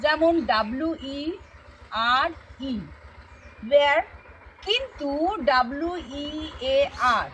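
A woman with a high, clear voice gives a patient lesson on English spelling to children. She talks straight to her students and checks that they follow. Faint noise sits behind her home recording. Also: very animated, takes it slowly, pushed and bright, rough recording. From India. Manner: patient, addresses students directly. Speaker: teacher.

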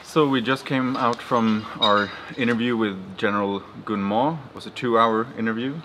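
A man's voice: medium pitch, steady tone, normal speed, music in the background. A young man, a freelance reporter, chatting casually and easily to camera in a travel vlog. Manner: easygoing, chatty on the phone with short okays. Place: outdoors on a village street and in a hotel room. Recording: echoey with background noise.

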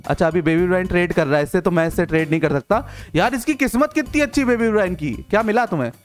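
Young male gaming host, high bright voice, playful and coaxing, soft music under the talk. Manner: playful, coaxing, quick repeated interjections. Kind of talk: excited gameplay commentary.

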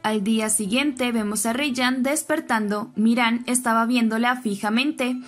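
A woman's voice: fairly high pitch, steady tone, measured pace. A woman narrating a recap of a soap episode, reading the characters' lines in her own voice. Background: faint background music.

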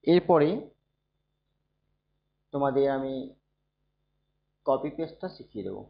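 A man who is unwell, teaching a computer lesson slowly and softly, often asking his students if they follow. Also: mid-range voice, animated, gravelly. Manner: slow, soft-spoken, checks in often with students. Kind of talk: screen-recorded computer lesson. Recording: dull, echoey room recording.

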